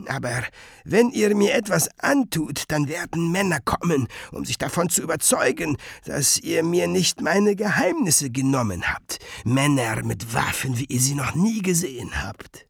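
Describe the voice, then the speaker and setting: A frail old man pleads for his life in a slow, soft, slightly raised voice, as a male narrator puts him on. The tone is creaky and husky, close and dry. It suits a dark storybook read aloud. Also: on the high side, big pitch swings, no echo, voice pushed up, full character voice. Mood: pleading.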